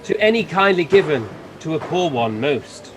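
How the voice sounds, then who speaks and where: Guy acting as a stern christmas ghost, high voice, formal and deliberate, amateur radio play. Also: big pitch swings, a little hiss or hum. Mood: solemn. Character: solemn, rebuking male Spirit of Christmas Present.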